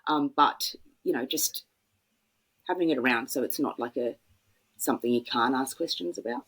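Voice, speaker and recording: This Australian woman is a guest on a podcast, talking in a soft, reflective way. Her voice is gravelly and breathy. She often pauses and circles back on her words. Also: very deep voice, low-quality recording. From Sydney, Australia. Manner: reflective, halting, many fillers. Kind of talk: casual conversational interview.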